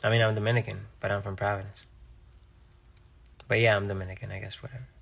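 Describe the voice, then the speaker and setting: Young man from Rhode Island, a singer doing live-stream Q&A, gravelly and laid-back. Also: lowish voice, fast talker. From Rhode Island, USA. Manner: relaxed, reads viewer questions aloud and answers offhandedly. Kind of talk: casual live-stream chat answering viewer comments.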